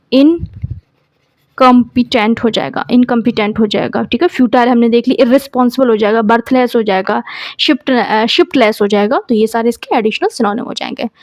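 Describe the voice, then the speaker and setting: A woman's voice: on the high side, dry recording. A woman teacher with an Indian accent, giving an exam vocabulary lesson, spelling words out letter by letter and using memory tricks.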